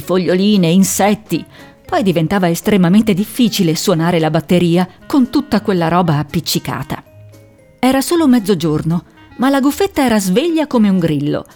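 A woman narrating a children's storybook in a gentle, expressive reading. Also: medium pitch, moderate pace, soft background music.

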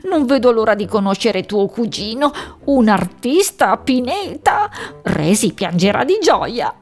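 A woman's voice: a little high, big pitch swings, a little slow, faint music behind, exaggerated voice. A woman voicing a male duck who is a kindly deputy mayor, friendly and reassuring.

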